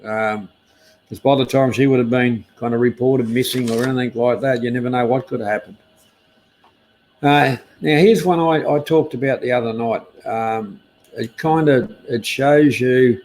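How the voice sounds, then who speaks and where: A man's voice: medium pitch, darkish tone, slight background noise. An Australian man hosting a casual live stream news chat, speaking in a laconic, hesitant, easygoing outback drawl.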